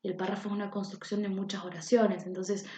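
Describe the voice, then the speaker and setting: A woman's voice: mid-range voice, little pitch movement, fast, warm tone, a little hiss or hum. A young woman, a university student presenting a class lesson with many hesitations and fillers. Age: young adult. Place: room at home. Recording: echoey, dull lo-fi home recording.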